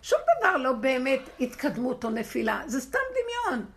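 Woman, religious teacher, rhetorical, high voice, very lively delivery. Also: very noisy. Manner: expressive, laughing, rhetorical. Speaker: spiritual teacher. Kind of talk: animated religious lesson to a women's group.

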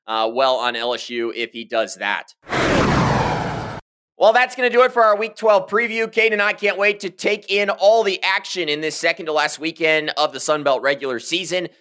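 A man co-hosting a college football podcast, steering segments and tossing in quick jokes. His voice sits a bit high and sounds bright and forward. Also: clear, resonant tone. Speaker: podcast co-host. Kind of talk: sports podcast chat.

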